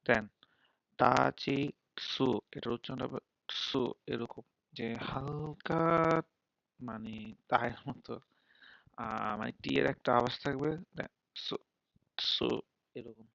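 Gravelly-voiced man teaching a live class. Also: medium pitch, fairly even intonation, measured pace, pauses often, fairly bright tone, no room sound. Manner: patient, explains step by step, checks in often; mixes English words into speech. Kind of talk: live online language class. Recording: dull lo-fi dry mic.

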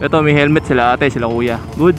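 A man's voice: mid-range voice, steady tone, fast talker, over music. A man giving casual, instructive commentary while riding a motorcycle on open roads, recorded on a helmet-mounted action camera. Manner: chatty, instructive, points out riders. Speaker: motovlogger. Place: outdoors on a moving motorcycle on a road.

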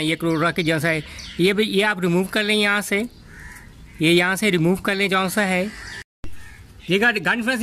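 Male gardening host, high bright voice, halting delivery, faint outdoor hiss. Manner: halting, many fillers and restarts. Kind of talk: casual hands-on garden tutorial.

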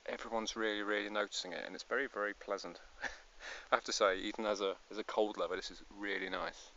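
A man's voice: on the low side, steady tone, quick pace, vocal fry, bright, forceful tone. A Scottish man chatting casually in a vlog while out biking on hills, rambling and self-deprecating. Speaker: vlogger. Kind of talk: casual outdoor vlog chat. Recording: slightly dull outdoor recording, faint noise.

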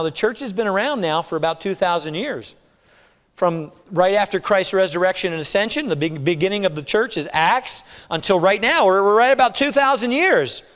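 A male pastor with a high, light voice works through scripture in a sermon, shifting from quiet, low asides to raised, emphatic points. His voice carries a long reverb from the church sanctuary around him. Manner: expository preaching, swinging between hushed low lines and raised emphatic ones.

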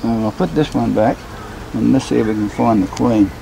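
Speaking at normal speed with a medium-pitched voice, a beekeeper gives casual vlog narration of a hive inspection he's filming outdoors. A beehive and a brick house are beside him, and buzzing bees sound clearly behind.

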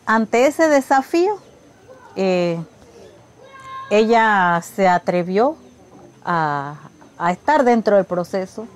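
A woman's voice: mid-range voice, very animated, slow, pauses often, slight background noise. A woman gives interview commentary hesitantly, often restarting her phrases.

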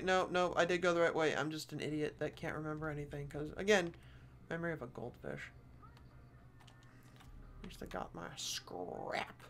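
A man's voice: fairly high pitch, vocal fry, a bit bright, a little hiss or hum. A man casually commenting as he plays a game, muttering self-deprecating asides. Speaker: game streamer.

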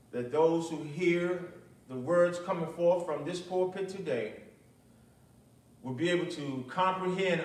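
Standing at an indoor pulpit in a small, almost empty church, a middle-aged male pastor delivers a sermon woven with prayer and commentary. His voice is fairly high and fairly bright, and because the microphone sits at a distance, the church's echo comes through strongly.

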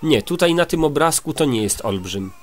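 A man reading a children's story aloud to a child, stopping gently to explain words. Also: on the high side, expressive, moderate pace. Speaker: reader to a child.

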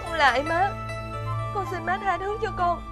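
A jealous, scheming young daughter-in-law. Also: female voice, very high-pitched, normal speed, loud music behind the voice. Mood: pleading. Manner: pleading, tearful.

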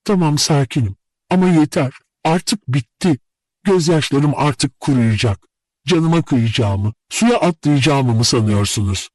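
A man's voice: a little high, lively intonation, measured pace, darkish tone, dry recording, pitched above the performer's own voice, rough recording. A man voicing a distraught, heartbroken young woman in an audiobook, her speech tearful and full of pleading questions. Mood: bitter. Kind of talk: audiobook character reading.

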